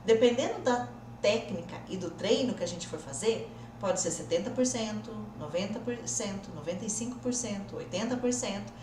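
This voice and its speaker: A woman's voice: mid-range voice, animated, moderate pace, roomy sound, distant mic, background noise. A woman with a Brazilian Portuguese accent, teaching in a casual online lesson and talking straight to the viewer in an encouraging way. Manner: encouraging, talks straight to the viewer, acts out students' doubts. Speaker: English teacher. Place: room where she must keep her voice down.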